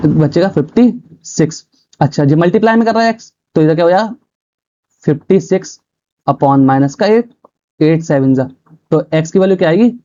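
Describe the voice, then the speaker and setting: A man's voice: on the high side, warm tone. Man teaching math in a dull recording. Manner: explains step by step, asks and answers his own questions. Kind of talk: chalkboard math lesson.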